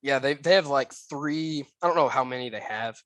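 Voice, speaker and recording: A man's voice: medium pitch, moderate pace, a bit bright, no room sound. A young man co-hosting a casual film podcast, enthusiastic and stammering, full of "like.". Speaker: podcast co-host.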